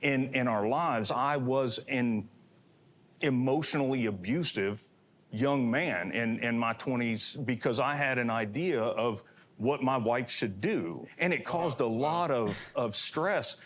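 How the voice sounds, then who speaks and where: A man speaking on a panel discussion, measured and reflective, pausing with fillers. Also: mid-range voice. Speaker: panel guest.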